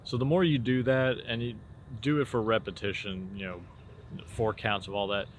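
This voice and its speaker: A man talking as a casual drama teacher, informally explaining and demonstrating theater warm-up exercises. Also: fairly low pitch, normal speed. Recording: clear steady background noise.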